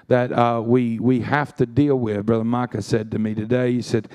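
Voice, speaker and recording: A man's voice: medium pitch, dark tone. A man preaching a sermon in a church, telling folksy stories and dropping frequent amens. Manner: folksy storytelling with frequent "amen"s.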